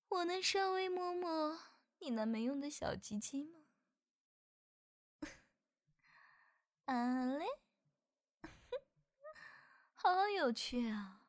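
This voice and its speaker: A woman's voice: high-pitched, no room sound, clean studio sound, full character voice. A woman voicing a clumsy young female succubus trainee who is a little tsundere and giggly, in an audio drama. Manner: giggly and teasing. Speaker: voice actress.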